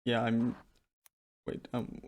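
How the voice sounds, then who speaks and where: A man's voice: mid-range voice, monotone, takes it slowly, very noisy. A young man from Serbia co-hosting a podcast, joking around in casual chat with lots of restarts. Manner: joking, restarts a lot, loose and playful. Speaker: podcast co-host.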